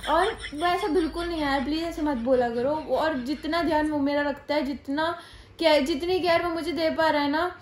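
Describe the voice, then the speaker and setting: A woman's voice: high voice, fairly even intonation, moderate pace, reverberant, a little hiss or hum. A pregnant young woman vlogger talking to camera, earnest and emphatic, slipping English phrases into her speech. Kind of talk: casual talk to camera.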